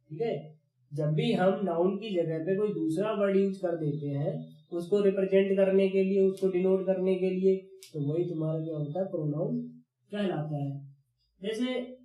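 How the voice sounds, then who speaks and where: A male teacher gives a grammar lesson in an echoey room, asking himself questions, answering them, and repeating key words. His voice is high-pitched and warm.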